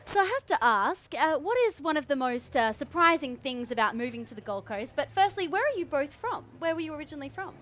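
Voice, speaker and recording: High-voiced upbeat woman host. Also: very animated, fairly quick, few pauses, fairly bright tone. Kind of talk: live broadcast presenting.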